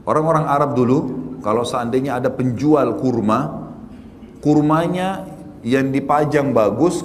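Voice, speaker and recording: A man, an Islamic preacher, giving a conversational religious study lecture with everyday examples and Arabic phrases, his pitch jumping up for emphasis. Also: slight background noise. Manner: rises sharply in pitch for emphasis. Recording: reverberant hall with faint ambience.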